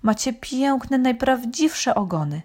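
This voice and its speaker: A woman voicing an excitable young male dog in a children's story, eager and a bit timid. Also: sits high, takes it slowly, pitched above the performer's own voice, exaggerated voice. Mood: timid apologetic.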